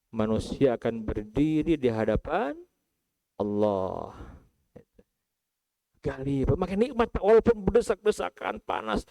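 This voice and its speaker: A man with a Sundanese accent preaching to pilgrims, asking his listeners questions and swinging from calm recitation to high animated outbursts. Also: gravelly, dry recording. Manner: addresses listeners as Pak and Bu, asks rhetorical questions. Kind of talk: sermon to pilgrims.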